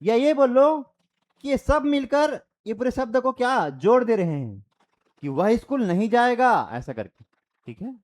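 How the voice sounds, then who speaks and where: A man with a fairly high, very lively voice teaches an exam-prep grammar lecture. He keeps repeating his examples and throws quick questions back at the class. His delivery swings widely up and down as he drills each point. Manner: explains by repeating and quizzing students.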